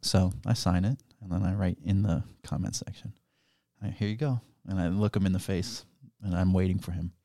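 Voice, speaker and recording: A man on a podcast telling an animated story with crude humor. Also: low-pitched, fairly quick, creaky, few pauses, dry recording, clean studio sound. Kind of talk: casual podcast chat, storytelling.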